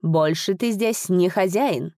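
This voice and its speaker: A woman's voice: on the low side, dry recording, studio quality. A bloodless whispering spirit, put on by a woman narrator. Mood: mocking. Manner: hushed, rustling, slow. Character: cold bodiless spirit voice, male.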